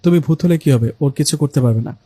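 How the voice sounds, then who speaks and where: A man's voice: a little high, quick pace, mellow, breathy edge, no echo. A man voicing a dramatic, scheming young woman in a spoken Bengali ghost story. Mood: teasing.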